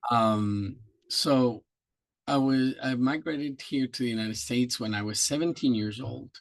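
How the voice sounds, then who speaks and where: An older man from Guatemala talks slowly and gently as a guest in a casual interview. His voice sits in a middle pitch and sounds dry and close. He reflects in measured phrases. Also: dry recording.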